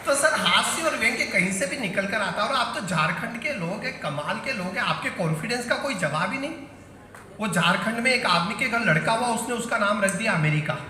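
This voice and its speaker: A man's voice: sits high, lively intonation, a little fast, sharp tone, slight background noise. A man performing as a satirical poet in a live comic poetry recital, bantering with the audience on stage. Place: large hall on stage. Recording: echoey hall, faint crowd.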